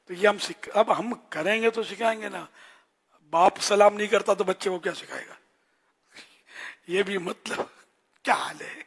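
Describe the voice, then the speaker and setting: A man giving an earnest religious teaching in short, admonishing phrases with pauses, as a scholar answering questions. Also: high-pitched, fairly even intonation, gravelly, breathy edge. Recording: long hall reverb.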